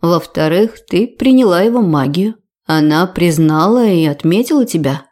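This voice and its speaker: A woman voicing an older female mentor who is stern but motherly, speaking in a measured, firm way. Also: on the low side, lively intonation, dark tone.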